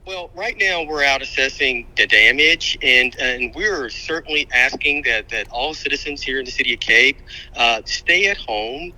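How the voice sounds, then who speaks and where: A man's voice: mid-range voice, expressive, bright, forceful tone, rough recording. Man on a speakerphone held to a mic. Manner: halting, many ums and restarts. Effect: voice on a speakerphone held up to a studio microphone. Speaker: city manager. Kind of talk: public safety update by phone. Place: out in the city.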